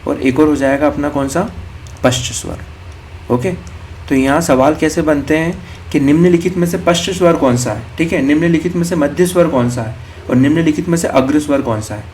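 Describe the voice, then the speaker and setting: A man's voice: on the high side, brisk, a little mellow, a little hiss or hum. Patient man teaching an exam-prep lesson. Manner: explains step by step, checking in with "ठीक है" and "okay"; asks the listener questions and answers them himself.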